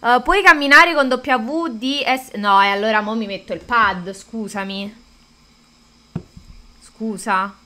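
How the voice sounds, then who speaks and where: Brief: high-ish, slow-talking woman streamer, chatty and quick to swear at the game. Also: pushed and bright. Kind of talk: casual live-stream gameplay chat.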